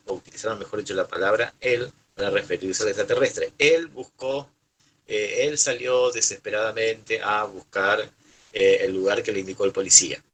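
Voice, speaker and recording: A man's voice: on the low side, fairly bright tone, husky, low-quality recording. A middle-aged man with an Argentine accent teaching a grammar lesson, patiently repeating points and checking in with his class. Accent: Argentine Spanish. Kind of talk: online class explanation.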